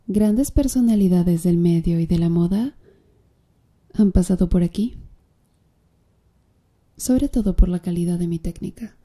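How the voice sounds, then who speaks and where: A woman's lowish, dark and mellow voice brings a slow, flirty tattoo artist to life for an ASMR roleplay. Speaking soft and breathy, she teases the client with easy confidence, punctuated by small laughs.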